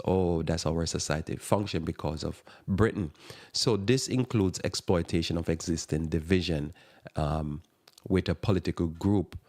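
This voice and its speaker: Man, preacher, thick accent, deep low voice, radio sermon, rambling, restarts words. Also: a little mellow. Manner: chuckles at his own asides. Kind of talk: sermon-style radio talk. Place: radio program.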